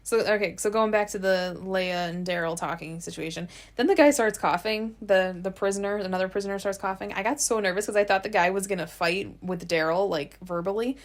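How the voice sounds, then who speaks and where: A woman co-hosts a relaxed podcast and talks over a TV episode in easy, casual chat. She thinks out loud as she goes and often breaks into giggles. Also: medium pitch, a little fast, hardly any pauses. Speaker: podcast co-host.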